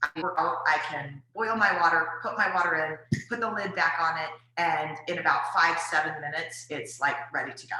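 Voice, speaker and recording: A woman's voice: low voice, normal speed, sharp tone. Chatty woman in an echoey room. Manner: chatty and rambling, many fillers. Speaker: wellness presenter. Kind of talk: casual talk to viewers, cooking tips.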